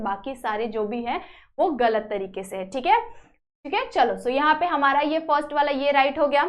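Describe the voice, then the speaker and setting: A woman teacher talks through a recorded lesson at a steady, patient pace. She speaks in a high voice and checks in with her students again and again as she goes. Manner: explains step by step, repeating "ठीक है" as a check-in. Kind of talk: classroom-style video lesson.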